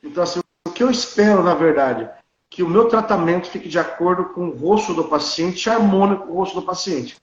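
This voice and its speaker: A man in his late thirties with a fairly high voice talks in a blunt, opinionated way, clearly sure of his views. He is from Brazil and speaks as a working dentist. The sound is dull and lo-fi, in an echoey room. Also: a little fast. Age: 30s. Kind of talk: casual conversation.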